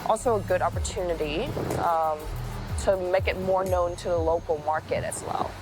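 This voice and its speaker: A woman's voice: lowish voice, moderate pace, poor audio. A woman from Vietnam giving her views in an interview, in a thoughtful, loosely phrased way. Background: music.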